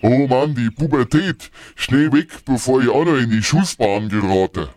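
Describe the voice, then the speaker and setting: A man's voice: medium pitch, measured pace, a crowd in the background, lightly acted. A man voicing a jovial, folksy, beer-loving Santa Claus in a comic radio play.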